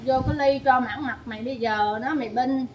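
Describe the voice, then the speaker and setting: A drunk woman with a high voice picks a fight, slurring and repeating herself, and she curses as she goes. Her words come out heated and tangled. Loud street and traffic noise fills the background. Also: steady tone, fast talker. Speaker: drinking companion in a filmed drinking session. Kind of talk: casual quarrel.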